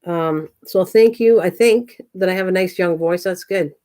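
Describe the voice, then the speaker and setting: A woman of sixty with a lowish, mellow voice talks at a moderate pace on her craft channel stream. Rambling casually, she reads out viewer comments and replies to each person by name.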